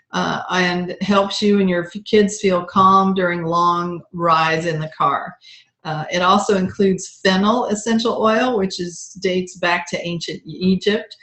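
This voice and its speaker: Woman casually going over a product kit, kinda low voice, lots of uhs, echoey room. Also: fairly bright tone. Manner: chatty, many ums and uhs. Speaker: essential oil product presenter. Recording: roomy echo.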